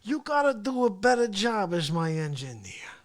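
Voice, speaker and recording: A performer playing a brash, boastful male talk-show host who rambles through a comedy rant, swinging between loud yelling and hushed asides. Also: medium pitch, sing-song, moderate pace. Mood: rambling, boastful. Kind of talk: comedic character monologue.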